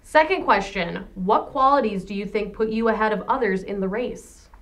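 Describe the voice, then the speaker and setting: A woman moderating a comedy debate, reading questions briskly with a straight face. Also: mid-range voice, a bit bright.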